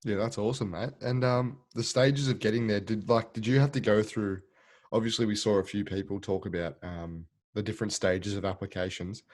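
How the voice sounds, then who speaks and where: An Australian man hosting a podcast, asking loose, rambling questions in a relaxed casual chat. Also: fairly low pitch, a little fast. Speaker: podcast host.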